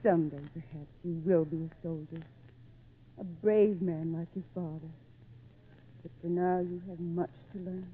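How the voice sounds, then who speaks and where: Worried, loving mother, husky, gentle and protective, vintage radio drama on narrow-band sound. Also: on the low side, fairly even intonation, moderate pace. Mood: fond, worried. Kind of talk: old-time radio drama acting. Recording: tinny, narrow-band old radio recording.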